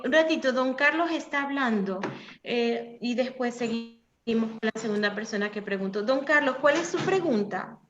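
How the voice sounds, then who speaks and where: A woman's voice: on the high side, expressive, moderate pace. A woman teaching a French class over a video call in Spanish, patiently repeating and spelling out verb forms. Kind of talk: online language class. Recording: echoey room, dull lo-fi sound, faint noise.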